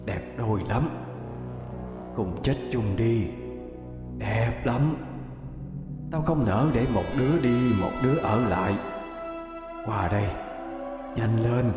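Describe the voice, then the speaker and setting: A man voicing a gloating, murderous possessed doll spirit in a hushed, sneering tone with eerie laughs. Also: mid-range voice, takes it slowly, pauses often, very echoey, big-room sound, over music, lightly acted. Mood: gloating menace.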